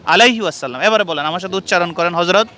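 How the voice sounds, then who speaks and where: Questioning passers-by with earnest intensity, this channel host lectures them during an outdoor street quiz as traffic rumbles nearby. His voice sits high, racing along with a bright, forceful tone.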